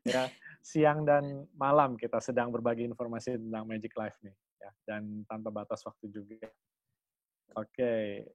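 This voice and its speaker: A man presents a business opportunity over a video call. His voice sits in a middle range and sounds dry. His delivery is upbeat, like a sales pitch. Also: level tone, a little slow, dry recording.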